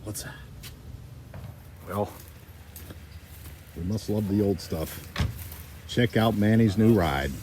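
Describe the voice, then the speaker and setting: Upbeat low-voiced garage vlogger. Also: male voice, slow pace, long pauses, warm tone, slight background noise. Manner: upbeat, chatty commentary while showing cars. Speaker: car vlog host. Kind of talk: casual garage vlog narration.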